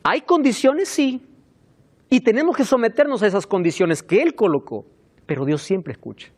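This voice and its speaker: A man preaching a sermon as pastor, emphatic and animated, turning aside now and then to call on helpers. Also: high-pitched, moderate pace.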